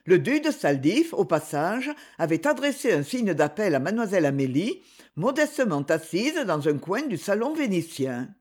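An audiobook narrator reading a romance novel with expressive delivery. The voice sits in a middle pitch and rises and falls in a lively way. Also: moderate pace, husky.

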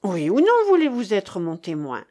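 A woman voicing a fierce, despairing gentleman who speaks in curt, commanding demands. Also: medium pitch, wildly swooping pitch, normal speed. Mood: gruff insistent. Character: fierce, despairing man, gruff marquis.

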